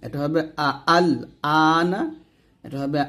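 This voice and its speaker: A man teaching the rules of Quran recitation in a fairly high voice, walking through a book page by page. He points out examples as he goes and slowly draws out and chants each example word. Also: steady tone, bright, forceful tone. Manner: slow drawn-out chanting of example words; points at the page while explaining. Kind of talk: explaining tajweed rules from a book.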